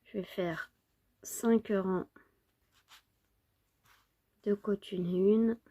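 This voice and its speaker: A woman who is a little sick, giving an informal knitting tutorial step by step in an unhurried way. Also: medium pitch, fairly even intonation, warm tone. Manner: unhurried, counting and repeating steps. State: slightly sick, under the weather with a cough.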